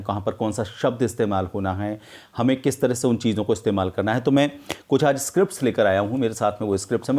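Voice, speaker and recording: A middle-aged man teaching script writing for news, explaining in a measured way with frequent hesitations. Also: mid-range voice, darkish tone. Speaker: media teacher. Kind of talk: explaining script mistakes to camera.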